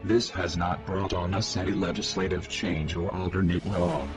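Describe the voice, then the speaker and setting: Deliver it as a masked man speaking through a voice-lowering disguise. Keep it slow and solemn, each line a measured declaration, over a music bed. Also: steady tone. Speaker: anonymous spokesman. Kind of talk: scripted manifesto statement.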